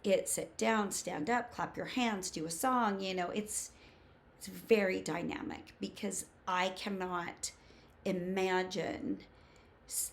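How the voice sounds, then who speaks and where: Woman, 50s, preschool educator explaining to camera. Unhurried, with vocal fry, emphatic short phrases. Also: fairly low pitch, slight background noise. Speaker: preschool teaching coach. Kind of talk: casual instructional talk to camera. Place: small home room with bookshelves.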